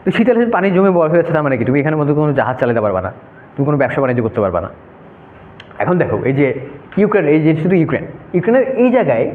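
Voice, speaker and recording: Young man teaching a class, rapid-fire delivery, high lively voice, narrow phone-like sound. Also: roomy sound. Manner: fast, animated, talks students through a map with frequent "okay?" checks. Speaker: debate workshop instructor. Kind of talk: informal classroom lecture.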